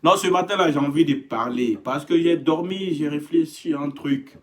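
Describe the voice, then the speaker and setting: Speaking from his home in a casual live stream, a man from West Africa welcomes viewers by name and grows increasingly passionate and forceful. His voice sits on the high side, at a moderate pace.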